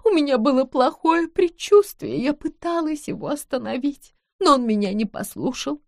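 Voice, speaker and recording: A woman's voice: sits high, animated, moderate pace, dry recording, voice pushed up. Woman voicing a wailing frail middle-aged wife. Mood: sobbing. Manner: wailing, sobbing. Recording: dry close studio sound.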